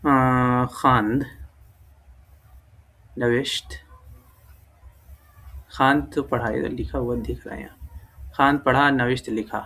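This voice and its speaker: A man talks through a language lesson in an easy, unhurried way. His voice carries a gravelly edge at mid pitch. He thinks aloud, trails off into fillers and stops to correct himself. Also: little pitch movement, bright, forceful tone. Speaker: language teacher. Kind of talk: casual screen-recorded lesson.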